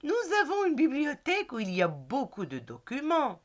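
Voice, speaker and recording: A woman reading a schoolboy's lines from a textbook dialogue, clearly and deliberately. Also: sits high, huge pitch swings, pitched above the performer's own voice. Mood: proud. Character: cheerful schoolboy describing his school.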